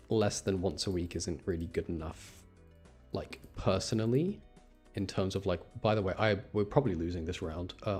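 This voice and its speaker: A game streamer with a deep, darkish voice gives casual, chatty live commentary, thinking aloud and correcting himself with mild exasperation.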